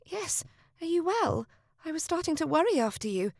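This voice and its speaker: A woman voicing a timid, loyal young woman who speaks softly and low through a door. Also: sing-song, moderate pace, creaky, no echo, studio quality, full character voice. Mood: hushed worried. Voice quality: soft and hushed.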